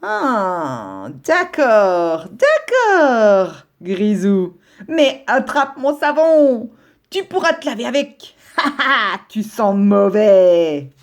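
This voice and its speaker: A woman voicing a grumpy male brown rabbit who scolds his neighbour loudly and indignantly. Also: on the low side, very animated, drawn-out words, full character voice.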